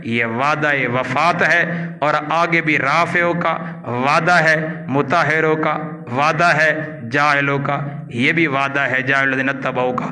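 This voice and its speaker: A male preacher gives an Urdu religious lecture on Arabic grammar in a bright, forward, fairly high voice. He teaches step by step, asking the audience questions and answering them himself, and slowly drawls out grammar patterns one at a time.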